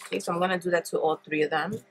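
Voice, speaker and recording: On a rough recording with a little hiss or hum, a congested woman talks very fast in a low, fairly even voice. She runs through a casual, step-by-step paper craft demonstration at her table, thinking aloud with plenty of ums.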